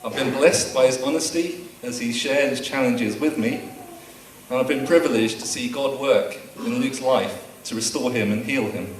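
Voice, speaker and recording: In a wedding reception room, a man gives a best man's speech from his prepared notes, full of dry, teasing humour. His voice is medium-pitched at a moderate pace, and the echoey room was recorded from a distance with slight background noise.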